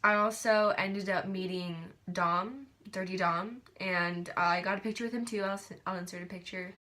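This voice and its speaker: A woman's voice: mid-range voice, steady tone, normal speed, bright, forceful tone. A teenage girl telling a storytime vlog in a rambling, gushing way, with lots of fillers and restarts, recorded on a tablet. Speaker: vlogger. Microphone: tablet camera.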